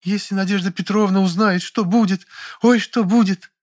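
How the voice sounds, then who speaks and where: A fussy older housekeeper, doting and quick to take alarm, as a male narrator puts her on. She laments and rattles through her words in a raised, higher voice. It is a storybook voice with a fretful edge. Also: fairly even intonation. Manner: lamenting, rapid patter.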